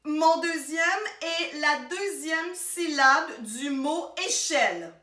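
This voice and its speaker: A woman's voice: high voice, animated, heavy background noise. A woman playing a gushing game-show hostess. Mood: excited. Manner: theatrical, drawn-out exclamations. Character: over-the-top female TV quiz host. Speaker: quiz show host. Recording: roomy sound, far from the mic.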